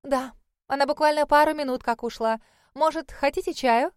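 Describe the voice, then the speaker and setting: A woman voicing a chatty, fussy middle-aged lady who talks high and effusively. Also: moderate pace, dry recording, studio quality, close to an everyday voice. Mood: gushing.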